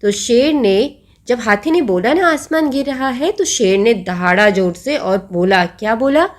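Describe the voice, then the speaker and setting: A woman's voice: medium pitch, animated, measured pace. A woman teacher patiently explaining a children's textbook story, asking the class questions and answering them herself.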